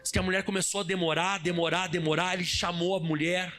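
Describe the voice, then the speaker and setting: A male pastor giving a lively sermon, acting out scenes and rising to fervent, emphatic prayer. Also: sits high, fast, faint music behind.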